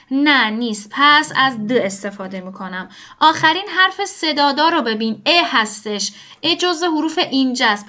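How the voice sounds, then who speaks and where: A language teacher with a high, sharp voice walks through grammar step by step. She patiently explains the rules aloud, posing questions and answering them herself.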